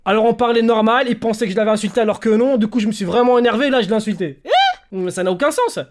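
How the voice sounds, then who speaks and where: A young man streaming, telling stories in casual slangy chat that swings between loud bursts and quiet mumbling. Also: high-pitched, racing, background noise.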